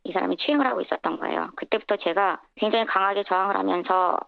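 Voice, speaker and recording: Woman w/ disguised processed voice, gravelly, tinny phone line, giving an anonymous radio interview. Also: mid-range voice, fast talker, no echo.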